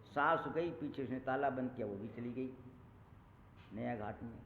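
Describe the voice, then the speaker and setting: A male preacher giving a Ram Katha sermon, telling a story and chanting verses slowly in a melodic style. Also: medium pitch, a little hiss or hum. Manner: slow sung recitation of verses, storytelling with acted quotes. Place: temple hall. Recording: echoey hall over a tinny lo-fi line.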